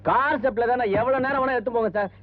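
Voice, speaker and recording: A man's voice: very high voice, quick pace, no echo. A male actor playing a gullible, eager young man in a film comedy, heard on a tinny old soundtrack. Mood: fretful. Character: naive eager young man, easily fooled. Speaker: comic actor in a film scene.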